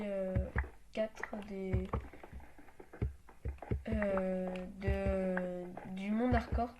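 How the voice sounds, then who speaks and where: A woman's voice: mid-range voice, noisy background. A woman giving casual gameplay commentary as host of her own channel, talking hesitantly with many fillers and restarts.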